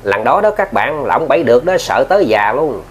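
A man's voice: medium pitch, sing-song, fairly quick, a little hiss or hum. A man with a Southern Vietnamese accent telling a ghost story in a casual, chatty way, often turning to his listeners and using many filler words. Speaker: ghost story narrator, channel host.

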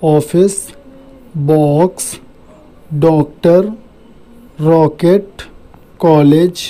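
Heard through a rough recording, a woman with a fairly low, mellow voice walks the class through a Hindi shorthand lesson shown on screen. She takes the words one at a time, checks each point with her students, and patiently, methodically adds "theek hai" after every one.

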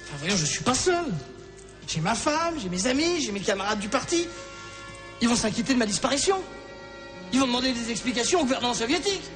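An actor with a French accent playing a panicked French man held by the Soviet police, protesting and often shouting. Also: very high voice, big pitch swings, fast talker. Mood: pleading. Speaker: detained Frenchman. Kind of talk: 1980s television drama acting. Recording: television drama with music behind.

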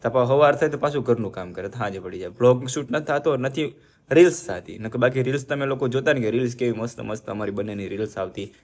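Fast-talking young man chatting on a family vlog. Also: mid-range voice. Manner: chatty, playful and teasing, talks to viewers. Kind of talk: casual vlog chat.

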